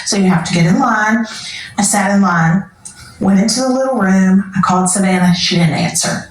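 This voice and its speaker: Animated middle-aged woman, echoey room. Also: medium pitch, moderate pace, a little hiss or hum. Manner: animated, emotional storytelling. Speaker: interview guest. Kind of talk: telling her story in an interview.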